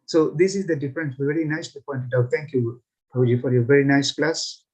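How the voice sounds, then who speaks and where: A man's voice: mid-range voice, fairly quick, darkish tone, rough recording. A man in a class audience thanking the speaker and earnestly explaining a devotional point. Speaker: class attendee commenting. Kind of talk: devotional comment.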